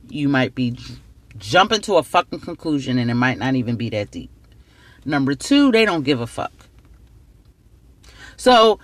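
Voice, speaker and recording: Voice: medium pitch, a bit bright, no room sound. A podcast host giving blunt relationship advice in a rambling way, swearing a lot and slightly tipsy, slurring words. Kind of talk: casual advice monologue.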